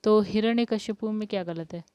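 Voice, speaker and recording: Woman teacher explaining spelling, smooth voice. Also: medium pitch, normal speed, warm tone, no echo, highs cut off. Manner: explains step by step, asks questions then answers them. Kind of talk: spelling lesson for exam prep.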